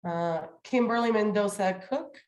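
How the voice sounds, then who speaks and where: Chairing an online committee on a remote video call, a woman takes a formal, welcoming role, her mid-range, darkish voice measured in pace. A lingering cold leaves her slightly nasal.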